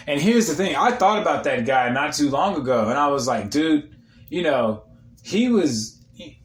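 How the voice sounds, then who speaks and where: Here a man does comedy as a loose, meandering monologue full of swearing. He frequently sinks into a low mutter whenever he quotes what was said.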